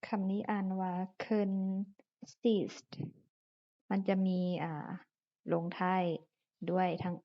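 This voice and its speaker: A woman's voice: on the low side, level tone, moderate pace, no room sound. A woman from Laos, an English teacher, patiently explaining English pronunciation and vocabulary and repeating each word carefully. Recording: dull lo-fi recording.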